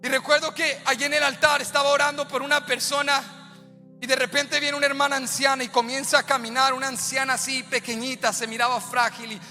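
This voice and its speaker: A woman pastor preaching a sermon with passion, her voice swelling at times into shouting. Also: sits high, little pitch movement, brisk. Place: church sanctuary. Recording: church hall reverb with soft music.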